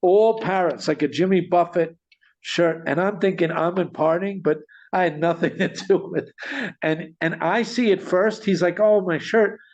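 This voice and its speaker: A man telling a story in conversation, animated, with frequent restarts and small chuckles. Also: high-pitched, normal speed. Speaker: guest storyteller. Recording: dull lo-fi sound.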